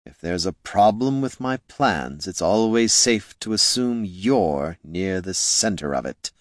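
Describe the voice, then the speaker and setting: A man doing a slow, hollow-voiced lich. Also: low voice, lively intonation, no echo, clean studio sound. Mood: scornful. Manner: condescending, dryly mocking. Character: undead male lich wizard, scornful and arrogant.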